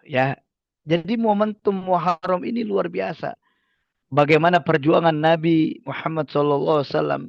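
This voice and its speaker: Guy giving an islamic study lecture, high voice, storytelling w rhetorical questions, kinda dull lo-fi audio. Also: vocal fry, no echo. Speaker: Islamic preacher.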